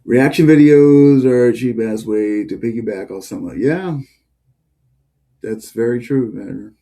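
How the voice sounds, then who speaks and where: A man's voice: medium pitch, unhurried, warm tone. A man hosting a podcast in casual chat, talking loosely with many fillers and frequent laughs. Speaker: podcast host.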